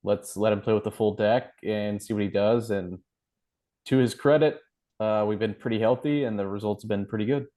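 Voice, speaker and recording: A man's voice: fairly low pitch, steady tone, brisk, dark tone. A man co-hosting a casual soccer podcast over a video call, laid-back and joking, with casual swearing. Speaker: podcast co-host.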